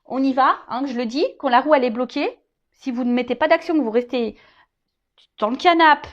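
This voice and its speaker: Woman, tarot reader, casual reading to viewers, halting, repeats words, slightly high voice, muffled lo-fi sound. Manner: hesitant, repeats words, often adds "hein".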